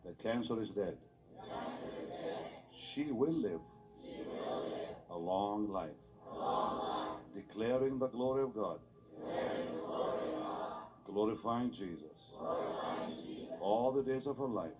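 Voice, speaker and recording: Slow, measured male preacher. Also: lowish voice, animated, a crowd in the background, noisy background. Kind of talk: church prayer and declaration. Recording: music playing behind.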